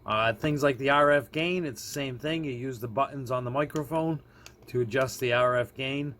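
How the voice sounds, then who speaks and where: This man's voice is mid-range and fairly bright, moving at a moderate pace. He's a product reviewer doing an informal hands-on gadget demo, often chuckling while he thinks aloud, recorded indoors with obvious background noise.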